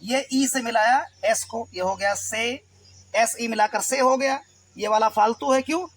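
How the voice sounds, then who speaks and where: Man, teacher, very high pitch, patient, spells out letters one by one. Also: measured pace, low-quality recording. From Uttar Pradesh, India. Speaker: English reading teacher. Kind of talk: Hindi-language phonics lesson.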